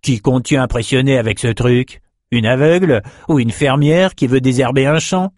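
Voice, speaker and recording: A man reading an audiobook voices a rough sailor jeering at a shipmate. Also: mid-range voice, normal speed, darkish tone, no room sound, studio quality, natural voice. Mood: mocking. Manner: mocking, jeering.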